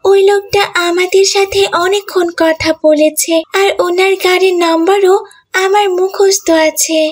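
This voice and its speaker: A woman's voice: extremely high pitch, steady tone, moderate pace. A woman voicing a polite, earnest young schoolgirl in a cartoon.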